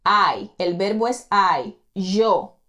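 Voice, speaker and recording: A woman's voice: mid-range voice, expressive, pushed and bright. A woman teaching English pronunciation in an online lesson, patiently repeating each word and speaking directly to the student. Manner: patient, repeats words slowly to model pronunciation; addresses the student directly, encouraging repetition.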